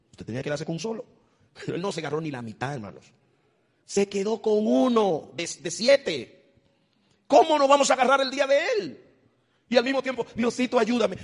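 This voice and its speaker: A male pastor preaching an animated sermon, acting out voices and rising to loud, high exclamations. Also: breathy edge. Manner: acts out voices of God and churchgoers. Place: church. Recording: long hall reverb.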